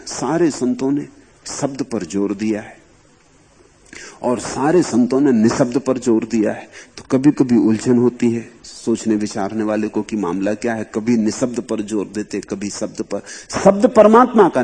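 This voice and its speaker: A man giving a spiritual discourse on mystic poetry, slow and emphatic, with sudden high stresses. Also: steady tone, warm tone, slightly rough. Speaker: spiritual teacher.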